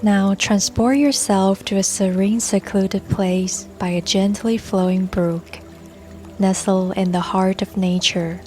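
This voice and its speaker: Over soft music and a babbling brook, a woman guides a meditation, reading her soothing script slowly and tenderly. Her pitch sits in the middle range.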